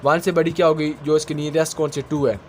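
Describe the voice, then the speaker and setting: A man giving a quick exam-revision lecture as a tutor, asking himself a question and answering it at each step, with technical English terms mixed into his speech. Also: fairly high pitch, level tone, darkish tone, faint music behind.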